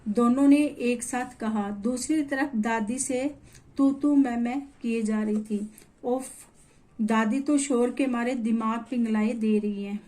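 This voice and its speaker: A woman's voice: a little high, steady tone, takes it slowly, dark tone. A woman teacher reading a children's textbook story aloud and stopping to explain hard words in simple terms.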